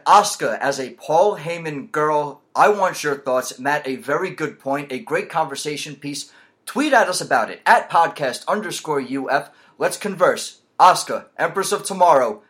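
A man hosting a podcast whose voice sits a little higher than most men's. He keeps the chat moving and steers the panel from one topic to the next in a casual, conversational way. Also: fairly bright tone. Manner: leads the talk, moves topics along. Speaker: podcast host.

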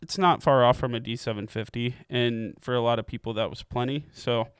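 A man's voice: medium pitch, a little fast, clear, resonant tone, no room sound, clean studio sound. A man co-hosting a casual show about camera deals, rambling and laughing easily. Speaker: co-host.

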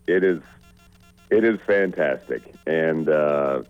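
A man's voice: rumbling low, takes it slowly, smooth, no echo, narrow, tinny audio, faint music behind. A man co-hosting a sports radio show, joking around and rambling with restarts. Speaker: radio sports talk co-host. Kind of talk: casual sports radio banter.

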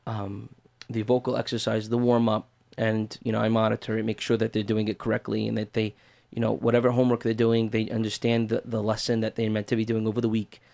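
A man who teaches voice, speaking in a lowish register with very little rise and fall. He answers interview questions earnestly, laying out his method step by step. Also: monotone, quick pace, vocal fry, a little mellow.

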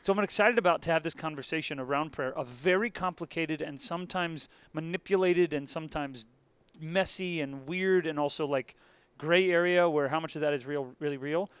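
A man's voice: on the high side, fairly quick, a bit bright, smooth, no room sound. An American man hosting a podcast interview in a casual, wry and rambling conversational style. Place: basement room of a convention center.

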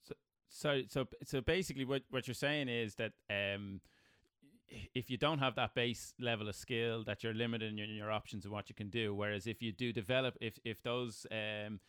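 A man's voice: on the low side, steady tone, normal speed, a bit bright, smooth, dry recording, studio quality. A man interviewing in a conversational way, hesitant as he circles his way into long questions.

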